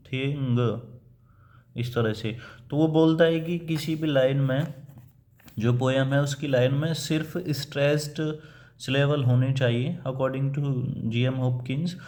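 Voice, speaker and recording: Male lecturer, mid pitch, methodical explainer with frequent filler pauses. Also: darkish tone. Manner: reads quoted English lines slowly and deliberately; mixes Hindi and English terms. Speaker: assistant professor teaching English poetry. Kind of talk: classroom-style lecture.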